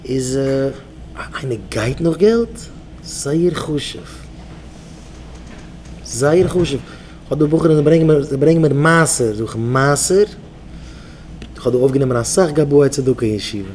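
Mellow-voiced rabbi exhorting his students. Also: medium pitch, animated, a little slow, long pauses, slight background noise. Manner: exhorting, leads the crowd in call-and-response chants. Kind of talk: Yiddish sermon to yeshiva students.

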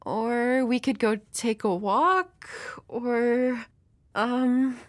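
A woman with a voice on the high side plays a nervous, dorky young woman with a crush in an intimate roleplay audio. She draws out her words, hesitant, stammering and apologetic, sounding shy and flustered. The recording is dry.

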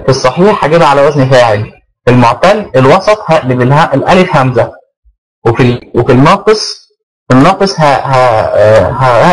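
A man's voice: medium pitch, poor audio. A man with an Egyptian Arabic accent teaching an online grammar class, repeating key phrases and asking the class rhetorical check-in questions. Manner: voices pupils' questions, then answers them.

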